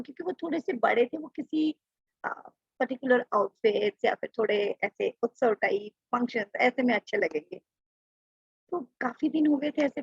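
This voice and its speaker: A woman's voice: a little high, vocal fry, slightly rough, no room sound, muffled recording. A woman chatting through a personal devotional testimony, often acting out what she said to others. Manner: chatty, quotes herself aloud. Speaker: devotee sharing experiences.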